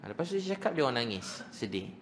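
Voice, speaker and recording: Fast-talking Malaysian Malay preacher man. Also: mid-range voice, a little hiss or hum. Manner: emotional storytelling, swings from hushed to loud; quick animated delivery with repeated phrases. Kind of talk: religious lecture to a crowd.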